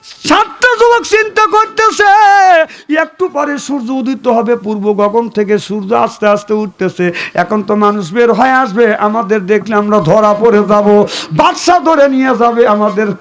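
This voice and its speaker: A Bangladeshi man preaches a waz sermon at a moderate pace in a fairly bright voice. He tells a story in a sing-song style, breaking into sudden high exclamations and calling on the crowd to respond.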